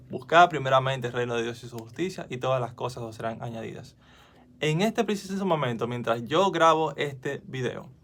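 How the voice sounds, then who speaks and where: A man's voice: medium pitch, fairly bright tone. A man gives informal Bible teaching straight into his phone, recorded at home. His manner is earnest and conversational. He restarts his sentences and asks viewers questions as he goes. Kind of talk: informal devotional teaching to camera.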